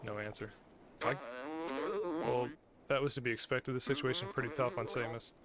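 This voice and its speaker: A man's voice: medium pitch, fairly even intonation, normal speed, crowd noise. A man hosting a gaming video, reading the game's dialogue aloud as he plays. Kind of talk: reading game dialogue aloud during let's play.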